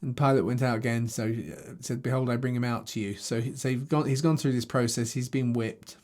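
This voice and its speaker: A man's voice: mid-range voice, fairly even intonation, a little fast, a little mellow. A man reading scripture aloud and teaching on it in a conversational way, thinking aloud with restarts, recording himself to a video camera. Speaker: Bible teacher. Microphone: self-recorded to a video camera.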